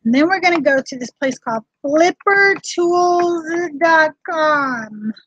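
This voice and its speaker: A high-pitched woman hosts a casual livestream tutorial, chatting directly with her viewers in a friendly back-and-forth way. Her voice comes through dull and lo-fi, with a dry, close sound and no room echo. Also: lively intonation, takes it slowly, fairly bright tone. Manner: chatty, talks straight to viewers in chat. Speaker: reseller vlog host.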